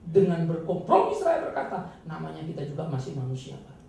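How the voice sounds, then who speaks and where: A male pastor giving an emphatic, dramatic sermon with sudden loud, high bursts, recorded from a distance in a church hall. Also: wildly swooping pitch, brisk, vocal fry. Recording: echoey hall, distant mic, faint noise.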